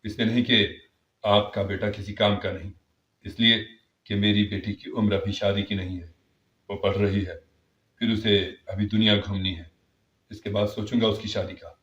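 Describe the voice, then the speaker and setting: A man voicing a gentle, devoted middle-aged father who speaks softly and pleadingly in a spoken story. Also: on the low side, level tone, voice pushed down, lightly acted. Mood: firm. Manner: soft, pleading and tender. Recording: roomy, slightly dull recording.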